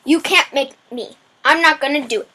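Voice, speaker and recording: A woman playing a high-strung, indignant, put-upon male servant in a broad stage comedy. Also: moderate pace, bright, forceful tone, rough recording. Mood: defiant, pleading. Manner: exclamatory, indignant.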